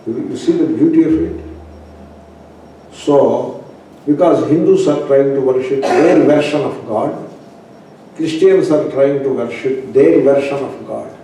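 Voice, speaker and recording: A man with an Indian accent giving a philosophy discourse as a spiritual teacher, speaking emphatically and repetitively with pauses. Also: mid-range voice, warm tone. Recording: echoey room, distant mic, faint noise.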